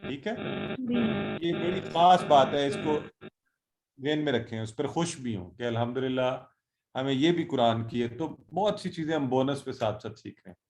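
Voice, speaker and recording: A man teaching an online Quran and Arabic class over a video call, encouraging and drilling students by slowly repeating Arabic words. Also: fairly high pitch.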